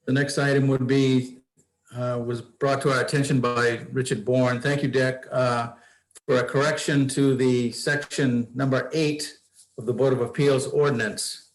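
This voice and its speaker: A man chairing a board meeting in a formal, measured, procedural way. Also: mid-range voice, level tone. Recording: echoey room sound.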